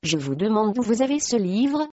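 A woman's voice: mid-range voice, big pitch swings, normal speed, warm tone, no room sound. A woman reading the part of a stern, angry medieval lord who questions his wife harshly, in a slightly dull recording.

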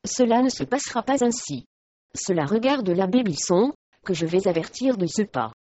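A woman's voice: mid-range voice, lively intonation, moderate pace, dark tone, no room sound, close to an everyday voice. A woman reading the part of a stern, angry medieval lord who questions his wife harshly, in a slightly dull recording.

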